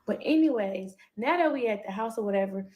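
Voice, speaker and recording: A young woman, telling a personal story to her viewers in a candid, animated, profane way. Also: mid-range voice, fairly quick. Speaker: vlogger. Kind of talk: storytime vlog.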